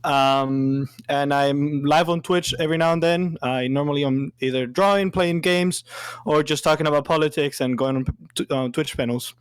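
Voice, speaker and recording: Guy from cuba introducing himself, smooth clear voice, dry close sound. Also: fairly high pitch, moderate pace, dry recording. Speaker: panel guest.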